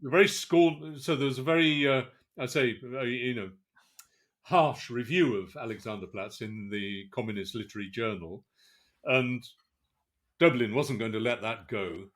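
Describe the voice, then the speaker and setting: A man co-hosting a podcast in casual chat, talking haltingly with many fillers and restarts. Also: medium pitch, a bit bright. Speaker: podcast co-host.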